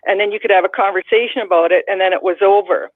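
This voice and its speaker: A middle-aged Canadian woman calls in and tells a long, blunt, rambling story with many restarts in casual call-in style. Her mid-range voice is steady and quick, heard over a dry, tinny phone line.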